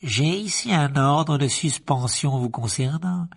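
A man voicing a cold, sly aristocrat who speaks softly, slowly and silkily with smug menace. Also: on the high side, vocal fry, husky, voice pushed up, heavily acted. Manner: soft-spoken, slow and silky.

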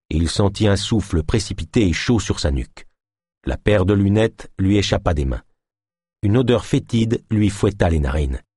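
A man narrating an audiobook in an expressive storytelling manner. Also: on the low side, husky, no room sound, clean studio sound. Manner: expressive storytelling, voicing every character.

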